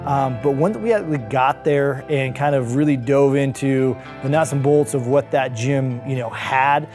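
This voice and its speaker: A man from a foundation, explaining a renovation in a measured way in a documentary interview. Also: mid-range voice. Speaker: foundation team member. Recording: soft background music.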